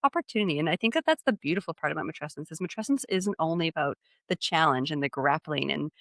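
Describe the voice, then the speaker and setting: Guest coach, woman, earnest and affirming, vocal fry, dry sound. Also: low-pitched, lively intonation, fast, a bit bright, no echo. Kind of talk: conversational interview.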